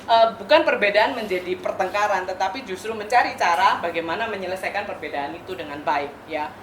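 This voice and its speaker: A woman pastor gives a wedding sermon in a slightly low voice, teaching point by point with rhetorical questions and light playful asides. Her words ring through a roomy, echoey venue with faint ambience behind her. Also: noisy background.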